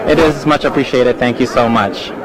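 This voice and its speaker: A man's voice: medium pitch, fairly even intonation, moderate pace. A man interviewing guests live in gushing red carpet chatter, complimentary and echoing their answers. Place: outdoor red carpet event. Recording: noisy crowded outdoor event, traffic.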